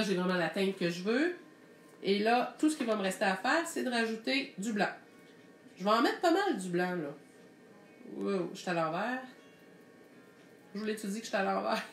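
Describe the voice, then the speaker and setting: A woman's voice: medium pitch, echoey room, slight background noise. A woman with a Québécois French accent teaching a live painting lesson, thinking aloud in a chatty way as she mixes colors.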